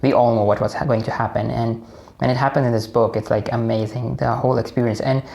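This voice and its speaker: A man's voice: medium pitch, steady tone, fast talker, vocal fry, a little mellow. A man with a Pakistani accent hosting a casual personal book analysis, rambling with many fillers and restarts. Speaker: book discussion host.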